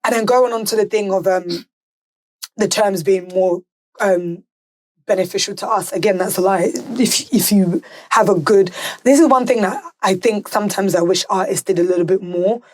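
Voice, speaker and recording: A woman who works as a music legal and business affairs manager appears as a podcast guest on a casual panel discussion. Speaking at a normal speed in a medium-pitched, slightly mellow voice, she is blunt, emphatic and sure of herself.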